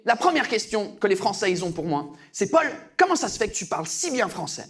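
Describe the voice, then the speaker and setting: A man from England performing a stand-up comedy set, animated and mocking, laughing at his own jokes. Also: sits high, a little fast.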